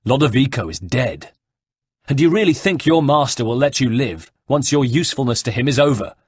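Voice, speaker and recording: Guy doing a young assassin hero, firm and commanding, slightly husky, dry sound. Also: medium pitch, lively intonation, fairly quick, dry recording. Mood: stern.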